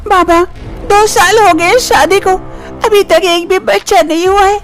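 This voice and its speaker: A woman's voice: very high-pitched, fairly even intonation, a little slow, faint music behind. A woman voicing an anxious young wife in a cartoon story, who pleads and worries. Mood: worried. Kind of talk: storybook voice acting.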